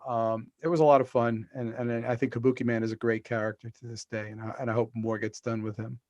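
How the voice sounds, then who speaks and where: A middle-aged author, interviewed over video call for a podcast, rambles through long stories with fillers and restarts. His mid-range voice is darkish and flat, moving at a quick pace, in lo-fi audio without echo.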